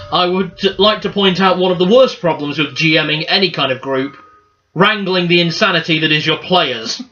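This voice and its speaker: A man, narrating as game master and making quick jokes. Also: on the high side, bright, forceful tone. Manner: joking, quick asides. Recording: dull lo-fi with clear music behind.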